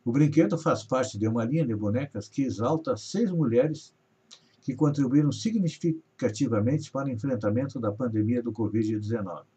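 Mid-range and moderately paced, the Brazilian host's voice is warm and husky as he reads regional headlines and stories on a live news program with rising emphasis. The audio quality is dull and lo-fi.

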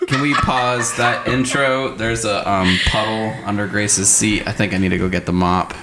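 A man's voice: on the low side, steady tone, moderate pace. A man co-hosting a podcast in casual, conversational chat. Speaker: podcast co-host. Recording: faint background noise.

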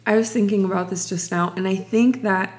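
A woman's voice: mid-range voice, steady tone. A young woman from Ukraine sharing her personal faith testimony in an interview, reflective and full of restarts. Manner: slow, reflective, many restarts.

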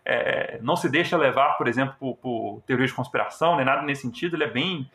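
A man's voice: medium pitch, quick pace, pushed and bright, roomy sound. A man with a Brazilian Portuguese accent explaining things in casual conversation as a podcast co-host.

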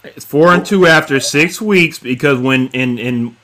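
A man's voice: medium pitch, unhurried, sharp tone. A man hosting a casual podcast, steering the talk to the next topic. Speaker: host.

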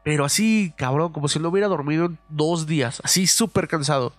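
A young man with a Mexican accent, telling a story casually on his podcast, swearing freely and filling pauses with "eh". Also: on the high side, no room sound. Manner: profane, loose, full of fillers. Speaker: podcast host.

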